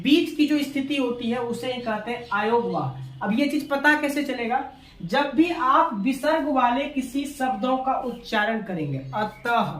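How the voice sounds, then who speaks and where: A man teaching an online exam-prep language lesson, asking questions and answering them himself, repeating key points. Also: very high-pitched. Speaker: Hindi teacher. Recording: echoey room with faint noise.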